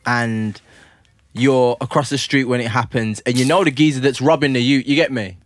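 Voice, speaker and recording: A man's voice: mid-range voice, steady tone, moderate pace. A man with a London roadman accent and slang, insistently making his case in a casual debate among friends.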